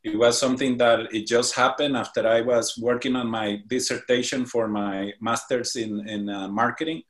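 A man's voice: medium pitch, steady tone. A man from Mexico, a guest on a talk show, answering interview questions earnestly with frequent restarts. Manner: earnest, halting with fillers and restarts. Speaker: guest, business association founder.

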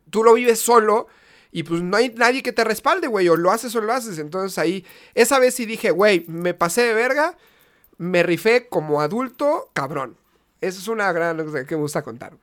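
A man's voice: high-pitched, a little fast, fairly bright tone. A young man with a Mexican accent telling a story to friends, slangy and swearing, laughing as he goes. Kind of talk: casual storytelling among friends.

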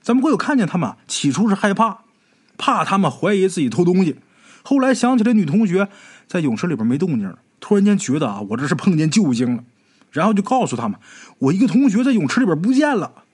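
A man narrating a ghost story in a dramatic, animated storytelling manner. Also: high-pitched, fast, slightly rough.

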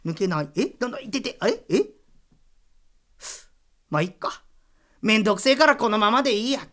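A woman voicing a stingy middle-aged Edo townsman who grumbles in rough street speech. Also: fairly high pitch, expressive, brisk, a bit bright. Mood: puzzled, aching.

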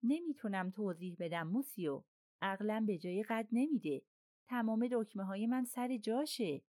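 A woman's voice: expressive, warm tone, no echo, clean studio sound, lightly acted. A woman voicing a frightened male train conductor who protests his innocence in a raised, insistent voice. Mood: pleading. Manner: protesting, high-strung and insistent.

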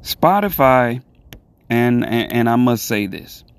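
Male solo podcaster, mid-pitched, very measured commentary with halting, emphatic phrasing. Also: expressive, clean tone, dry recording. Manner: deliberate, halting phrasing with repeated words and emphatic pauses. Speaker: podcast host.

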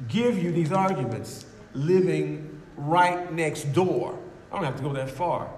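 A man's voice: on the high side, a little mellow. A male preacher giving an emphatic sermon, addressing the congregation directly in a church hall. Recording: echoey hall with faint noise.

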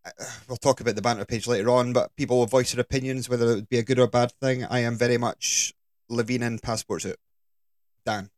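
Man, podcast host, jokey banter, casual football chat, medium pitch, dry sound. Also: fairly even intonation, fast talker, no echo.

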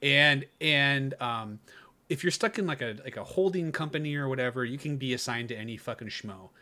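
With a medium-pitched voice and a slightly fast pace, a young man who served as a Navy corpsman swaps a war story on a laid-back podcast. He swears freely, stays animated, and laughs his way through the punchlines.

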